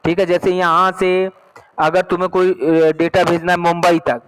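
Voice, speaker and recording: High-voiced male teacher explaining slowly. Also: level tone, clear, resonant tone, poor audio. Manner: explains slowly, reads English text then repeats in Hindi; checks understanding often. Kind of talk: online class lesson.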